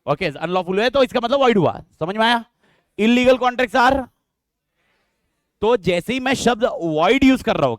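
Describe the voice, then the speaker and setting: Guy with a high voice teaching a law class online, keeps throwing questions back at the students, dry close sound. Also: no room sound. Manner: bantering, quizzes students with repeated questions. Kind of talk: online lecture.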